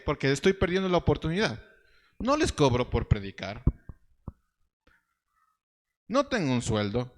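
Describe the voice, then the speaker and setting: A man preaching a sermon in an animated, ironic way, reading verses slowly and pitching quoted lines up high. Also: long reverb tail. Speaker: pastor.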